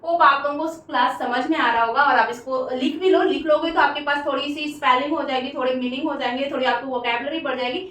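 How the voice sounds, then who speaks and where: A woman with an Indian accent teaching English pronunciation, saying each word slowly and repeating it for the class. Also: high voice, fairly even intonation, a bit bright. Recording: echoey room, voice from far off.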